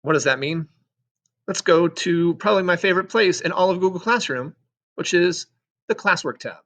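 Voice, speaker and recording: Here the same kind of walkthrough comes from a middle-aged man with a high, fairly bright voice at a moderate pace. He teaches sixth-grade social studies and narrates a screen-recorded class casually, joking on the side, saying um and correcting himself.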